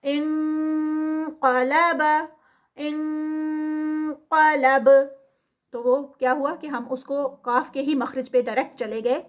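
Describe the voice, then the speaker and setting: A woman teaching recitation rules, explaining step by step and slowly drawing out sample words. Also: high voice.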